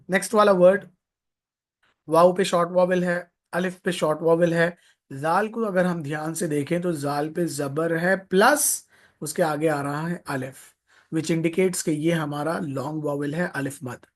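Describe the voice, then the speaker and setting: A man's voice: fairly high pitch, unhurried. A man teaching Quran recitation in a live online class, repeating each word several times and stretching out the long vowels, with English teaching terms mixed into his speech. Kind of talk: slow drilled tajweed lesson.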